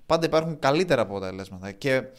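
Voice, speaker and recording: Podcast co-host, man, mid-pitched voice, calm and reasoning. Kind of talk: casual podcast chat.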